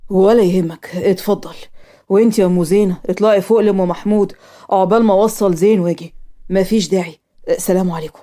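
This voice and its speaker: A woman doing a gruff Egyptian father. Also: mid-range voice, fairly even intonation, fast, warm tone, voice pushed down, close to an everyday voice. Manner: gruff, blunt. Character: stern, practical middle-aged father.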